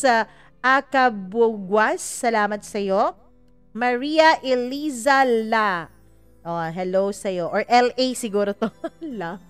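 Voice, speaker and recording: A woman hosting a podcast talks in a relaxed, chatty way and slips in playful jokes. Her voice is smooth and sits fairly high. Soft music plays faintly underneath. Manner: chatty, teasing, laughs at her own jokes. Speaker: podcast host reading listener shout-outs. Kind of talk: casual chat.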